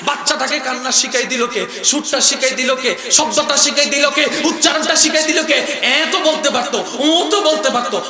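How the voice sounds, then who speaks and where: A man with a Chittagong-tinged Bangladeshi accent preaching a fiery sermon, shouting and chanting in a sing-song rise while calling on the crowd to answer. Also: very high voice, fast, few pauses. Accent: Bangladeshi Bengali, Chittagong. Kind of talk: fiery Bengali religious sermon. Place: outdoor gathering with a large crowd. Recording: echoey loud public address with crowd noise.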